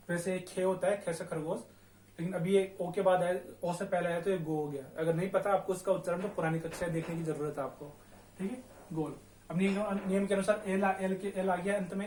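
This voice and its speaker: High-voiced man teaching in an echoey room. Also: darkish tone. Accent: Rajasthani Hindi. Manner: repetitive, checks in often with "theek hai"; spells words out letter by letter. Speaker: Spanish teacher. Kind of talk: classroom-style language lesson.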